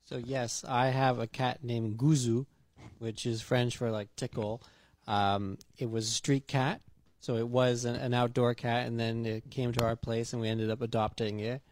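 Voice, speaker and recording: A young man chatting casually, relaxed and self-deprecating, with many fillers. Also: medium pitch, normal speed, a little hiss or hum. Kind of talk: casual chat.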